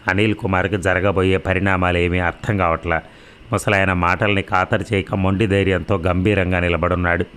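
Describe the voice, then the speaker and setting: A man narrating a story in a measured, dramatic way. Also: deep voice, level tone, a bit bright, smooth.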